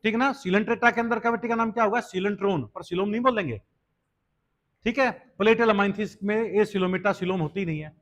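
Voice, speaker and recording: High-voiced male biology teacher quizzing. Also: normal speed, a bit bright. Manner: quizzing students and answering himself, calls them "beta". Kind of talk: exam-prep lecture.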